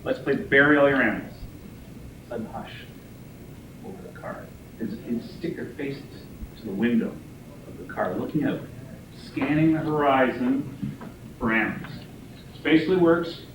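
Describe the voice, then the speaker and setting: A man giving a joking, relaxed class presentation on car games, with many fillers and laughs. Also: mid-range voice, moderate pace, pauses often. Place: room with a small group. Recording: echoey room from far off, noisy.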